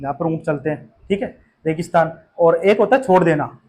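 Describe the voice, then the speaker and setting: A man's slightly high, brisk, somewhat mellow voice carries an exam-focused English vocabulary lesson. Speaking with an Indian English accent, he repeats himself patiently, leaning on fillers and regular check-in questions.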